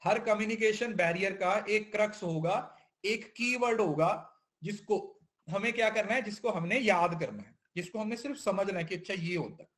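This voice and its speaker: A man's voice: high voice, moderate pace, a bit bright. A male teacher giving a classroom lecture, mixing in English terms and often checking that students understand. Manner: keeps checking understanding, repetitive.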